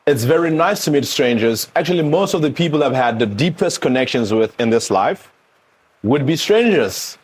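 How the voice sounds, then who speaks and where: Husky and mid-range, this thirty-something man from Eswatini talks about himself at a moderate pace in a frank interview. He's a lively storyteller who keeps slipping in asides that act out how others reacted.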